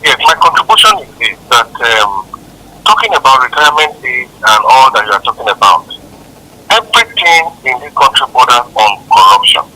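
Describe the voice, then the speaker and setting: A man from Nigeria, calling in and forcefully listing complaints, his voice climbing as he goes. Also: mid-range voice, very animated, moderate pace, poor audio. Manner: forceful, rising, listing grievances. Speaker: caller. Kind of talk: phone-in comment.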